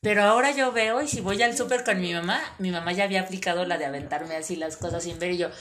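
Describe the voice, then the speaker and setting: A woman's voice: on the low side, quick pace, a bit bright. A young woman with a Mexican accent, co-hosting a casual chat and telling slangy stories with acted-out quotes. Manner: slangy storyteller, acts out quotes. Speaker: podcast co-host.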